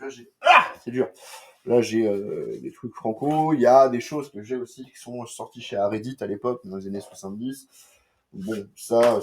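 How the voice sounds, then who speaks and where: A man's voice: medium pitch, dark tone. A man with a French accent, reviewing comics in a casual, hesitant way, full of fillers and restarts.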